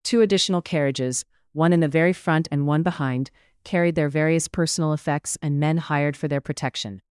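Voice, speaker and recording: A steady audiobook narrator reading a romance novel in a measured way, voice smooth and resonant. The recording is close with a dry sound. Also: mid-range voice, no room sound.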